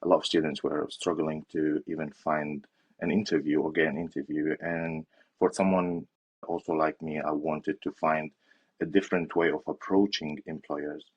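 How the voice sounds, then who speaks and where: A man's voice: very deep voice, little pitch movement, normal speed, slightly rough, lo-fi sound. A young man from Syria answering interview questions in a hesitant way, with fillers and restarts. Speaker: interview guest.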